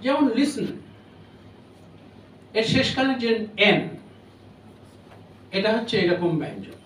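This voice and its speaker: A man giving a memorial lecture on phonetics, speaking in a measured, explanatory way with pauses between phrases. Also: high voice, a bit bright, a little hiss or hum. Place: lecture hall. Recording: roomy hall audio from a distance.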